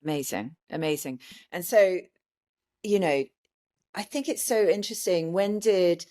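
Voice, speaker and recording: Woman, very low voice, podcast host, hesitant rambling questions, casual interview. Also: animated, a little slow, mellow. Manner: hesitant questions with many "um" and restarts.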